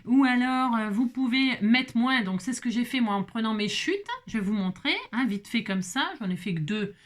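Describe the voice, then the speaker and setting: A woman's voice: on the high side, normal speed. A woman chatting casually through a crafting tutorial, exclaiming often and dropping little interjections as she works. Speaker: crafting vlogger.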